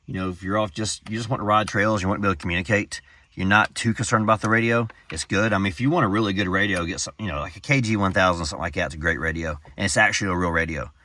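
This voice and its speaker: A low-pitched man talks through a casual product review. He is informal and folksy, rambling along as if chatting with fellow hobbyists. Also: very fast, bright, forceful tone, dry recording.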